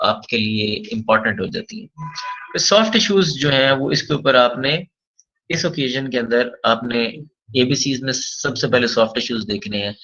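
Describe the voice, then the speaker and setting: A male physiotherapy lecturer giving a recorded radiology lesson, explaining in Hindi and slowly reading English textbook lines aloud. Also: medium pitch, fairly bright tone, lo-fi sound.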